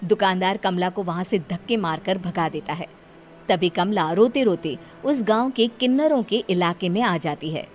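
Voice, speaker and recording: A woman's voice: fairly low pitch, normal speed, slight background noise. A woman narrating a cartoon horror story in a dramatic storytelling voice.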